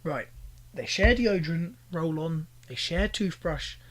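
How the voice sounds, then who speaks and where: A man's voice: a little high, expressive, a little slow, a bit bright. A young British man giving exasperated, ranting reaction commentary, pleading with the people on screen. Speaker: commentary YouTuber.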